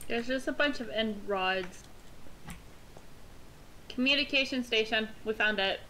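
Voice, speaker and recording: Slow-talking high-voiced woman gamer. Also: sharp tone, a little hiss or hum, poor audio. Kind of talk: casual gaming chat.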